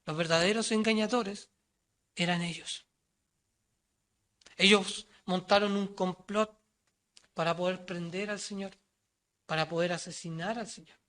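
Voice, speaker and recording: A man's voice: fairly even intonation, unhurried, long pauses. A male preacher with a Chilean Spanish accent delivering a sermon, asking rhetorical questions, answering them himself, and reading scripture aloud. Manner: voice rises loud and high when quoting the crowd, drops low and quiet on asides.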